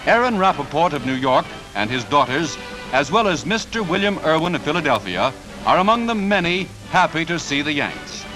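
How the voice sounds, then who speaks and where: A man's voice: fairly high pitch, very animated, moderate pace, poor audio. A man narrating a 1940s newsreel with a punchy announcer delivery and wry quips. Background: music score.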